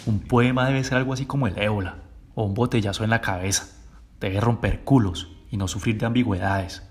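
A man reading poetry in a steady, measured recital. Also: lowish voice, over music.

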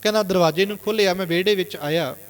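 A man's voice: sits high, rapid-fire, smooth, in a large hall. A Sikh preacher telling a moral story in an earnest sermon, repeatedly inserting "he said.".

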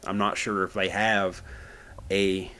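A man from Florida talks through his fishing trip as a voice-over, folksy and plain-spoken. His voice sits a little low, and he explains step by step with the odd "uh" and "you know." It sounds like a casual outdoor channel narration. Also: little pitch movement, slow, pushed and bright, smooth. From Florida, USA.

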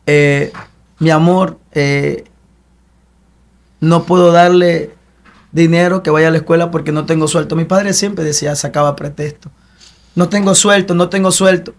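Casting: young man, high-pitched, earnest testimony voice, repeats himself like a preacher. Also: fairly even intonation, measured pace, pauses often. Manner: earnest, repetitive, preacher-like cadence. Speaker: guest giving testimony. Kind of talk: emotional personal testimony.

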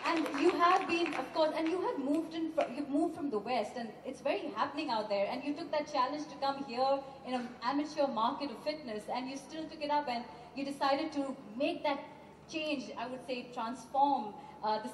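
High-voiced woman hosting in an echoey hall. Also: moderate pace. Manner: bubbly, upbeat, leads applause. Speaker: event host. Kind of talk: hosting a live launch event. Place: large event hall on stage. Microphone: handheld mic. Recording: distant, echoey hall with faint noise.

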